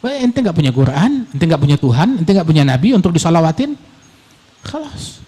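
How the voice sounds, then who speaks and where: A man preaching a sermon, telling stories lively, acting out quoted voices and mixing in Arabic phrases. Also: a little high, quick pace, breathy edge.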